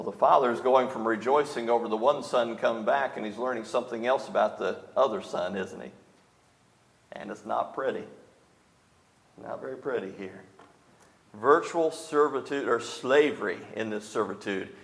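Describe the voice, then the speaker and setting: A man's voice: mid-range voice, moderate pace, vocal fry, big-room sound. A male preacher giving a sermon emphatically, often tagging his points with rhetorical questions.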